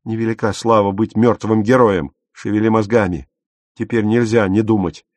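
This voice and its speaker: A man doing a firm, reasoning young brother, lowish voice, dry audiobook sound. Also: fairly even intonation, moderate pace, a little mellow, no room sound, lightly acted. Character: young man, calm, persuasive older brother.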